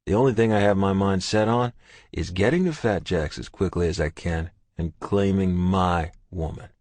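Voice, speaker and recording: A man with a very deep, low voice narrates a romance audiobook in the first person, gruff and intense. The read is dry and close with no room sound. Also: normal speed, a little mellow, no room sound.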